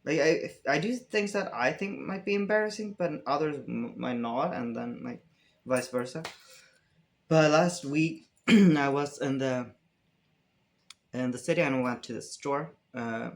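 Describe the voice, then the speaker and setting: A young man from Sweden with a Swedish accent, answering fan questions in a relaxed, rambling vlog chat. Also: medium pitch, measured pace. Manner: relaxed, rambling, many fillers and restarts. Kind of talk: casual Q&A chat.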